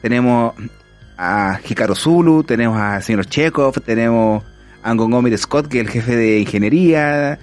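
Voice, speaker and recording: A man's voice: mid-range voice, moderate pace, faint music behind. A man with a Chilean accent hosting a casual podcast, an enthusiastic, rambling storyteller. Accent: Chilean Spanish. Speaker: podcast host.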